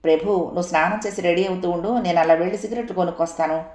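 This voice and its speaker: A woman's voice: on the low side, racing, darkish tone, lightly acted. A woman voicing a teasing, chatty young man, a friend in a spoken story, recorded in an echoey room.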